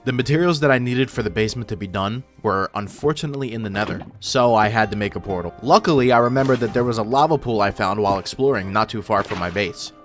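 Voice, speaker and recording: A young man with a filtered, lowish voice hosts a gaming video, talking fast with few pauses. He narrates his play in a casual, scripted, informal and self-deprecating way, with background music playing.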